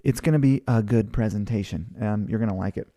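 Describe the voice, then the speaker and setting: A Hawaiian man in his thirties hosts a live online webinar, reading out viewer comments in a loose, chatty ramble full of fillers and restarts. His gravelly voice is on the low side, fairly quick, and dark and mellow in tone, picked up by a computer microphone.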